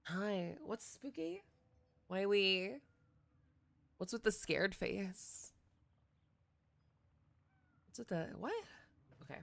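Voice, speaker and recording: Creaky-voiced woman livestreamer, unhurried. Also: medium pitch, expressive. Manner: effusive greetings, repeating words and phrases. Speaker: game livestream host. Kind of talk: casual livestream chat.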